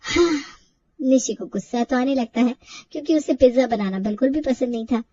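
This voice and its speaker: A woman telling a cartoon story in a lively, animated narration. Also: sits high, a little fast, far from the mic, lo-fi sound.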